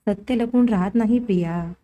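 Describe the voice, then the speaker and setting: A sly middle-aged man taunts with mock politeness, as read by a woman narrator. The voice stays mellow and level, part of a drama recap. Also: mid-range voice, moderate pace, close to an everyday voice. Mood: taunting. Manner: mocking, taunting.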